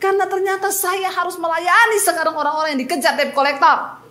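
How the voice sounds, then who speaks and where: Woman pastor with a high voice, preaching at a church service, lively storyteller with a humorous touch. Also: fast talker. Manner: lively personal storytelling with humor, addressing the congregation directly. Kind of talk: sermon. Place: church service before a congregation.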